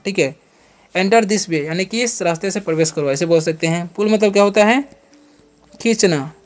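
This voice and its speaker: High-voiced man teaching English words. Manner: spells words letter by letter, slows down for English example sentences; repeats each question and answer as a drill. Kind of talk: phonics and vocabulary lesson.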